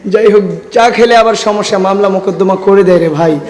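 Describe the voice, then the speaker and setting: High-voiced preacher man rousing a crowd. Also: a little fast, darkish tone. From Sylhet, Bangladesh. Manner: rousing, calls for crowd responses; jokes with the audience. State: strained throat. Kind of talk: religious sermon to a crowd. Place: large outdoor gathering. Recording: long hall reverb.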